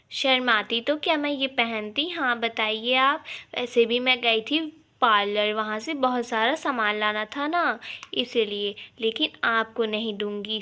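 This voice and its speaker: A woman's voice: fairly high pitch, pushed and bright. A woman doing a sassy vain young daughter-in-law. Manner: pert, cheeky, whiny. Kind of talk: toy doll play-acting.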